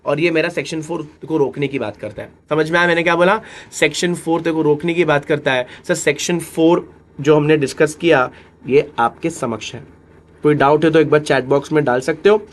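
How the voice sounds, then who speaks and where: A man's voice: a little high, fairly quick. A man teaching an exam-prep law lecture, talking animatedly, repeating key phrases and speaking directly to his students.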